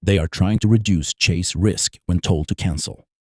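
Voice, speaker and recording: A man giving scripted commentary on police procedure, in a measured and emphatic way. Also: deep voice, breathy edge, dry recording, studio quality. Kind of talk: scripted analytical narration.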